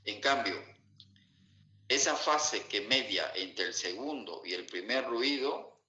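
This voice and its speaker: Male medical lecturer, bright low voice, lo-fi echoey classroom recording. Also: expressive, slow, a little hiss or hum. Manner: asks students rhetorical check-in questions. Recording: echoey room, dull lo-fi sound.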